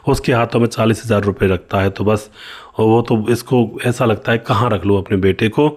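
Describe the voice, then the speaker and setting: A man narrating an emotional story in a conversational way, speaking to his listeners as friends, with frequent pauses. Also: mid-range voice, a little mellow.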